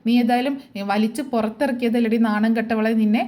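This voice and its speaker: A woman's voice: a little high, fairly even intonation, brisk, mellow, close to an everyday voice. A woman voicing a bitter, angry middle-aged mother who scolds and wails her complaints. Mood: scornful.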